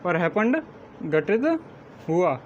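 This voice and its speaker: A man with a high voice works through a vocabulary list as a teacher, giving one meaning after another and spelling words out letter by letter. The recording is dull and lo-fi, with a faint hiss underneath. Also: expressive. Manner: slow, measured dictation, spelling words letter by letter. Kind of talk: vocabulary lesson, reading word meanings. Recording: dull lo-fi sound with faint noise.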